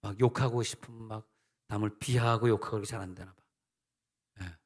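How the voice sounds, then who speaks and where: A fairly low, darkish male voice with a slight roughness holds a steady tone while moving a little fast through a sermon. He's a middle-aged senior pastor in a church sanctuary, mixing emphatic rises with conversational asides, and the hall's long reverb surrounds him.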